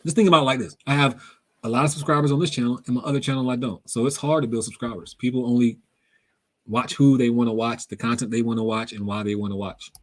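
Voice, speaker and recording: A young man hosting a casual live Q&A, reading viewer comments aloud and answering them in a relaxed, slangy way, laughing often. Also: mid-range voice, fast. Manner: relaxed, conversational, drops words into everyday slang. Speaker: livestream host reading chat.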